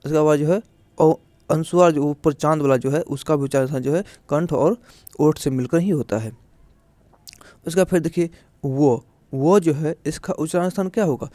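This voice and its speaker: A man teaching a classroom grammar lesson, his voice pitched a little high yet soft and warm in tone. He explains step by step, repeating himself and asking questions he then answers. The sound is dry, with no room echo. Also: moderate pace. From India. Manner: repetitive, explaining step by step with filler phrases.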